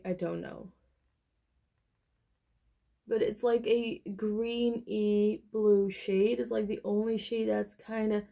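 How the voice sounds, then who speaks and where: In a small indoor bedroom, a young woman who speaks Dutch as her first language rambles through a makeup tutorial for her beauty channel, using plenty of fillers. She has a mid-range, gravelly voice with a dark tone.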